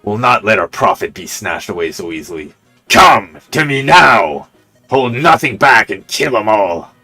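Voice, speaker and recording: A man voicing a gruff, greedy male bandit who sneers and blusters. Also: fairly low pitch, big pitch swings, a little slow, pushed and bright, soft background music, full character voice. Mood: menacing.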